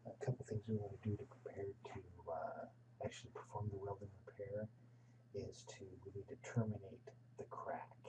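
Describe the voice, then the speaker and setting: Low-voiced male instructor, halting delivery. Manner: halting, with many fillers. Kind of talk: narrated slide lecture. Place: voice-over. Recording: distant mic with steady hum.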